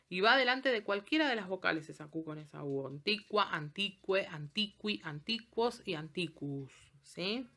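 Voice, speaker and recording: A woman teacher giving a recorded class. She explains step by step, slows down on example words and keeps checking in with her students. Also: lowish voice, a bit bright. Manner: patient, checks in with frequent "¿sí?". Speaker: Latin teacher. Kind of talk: recorded online class lesson.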